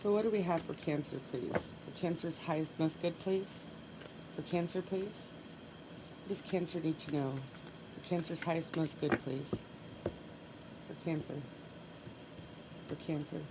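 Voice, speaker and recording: A tarot reader with a low, stuffy-nosed voice does a solo reading, speaking calmly and unhurriedly with long pauses. As she draws cards she softly murmurs the same requests again and again, while a steady hiss runs beneath the recording.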